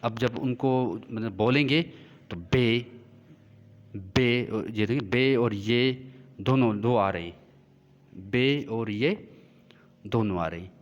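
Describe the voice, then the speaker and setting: A male teacher giving a classroom lecture, explaining slowly and repeating points as he checks that the class follows. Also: on the low side. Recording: dull lo-fi sound with long reverb.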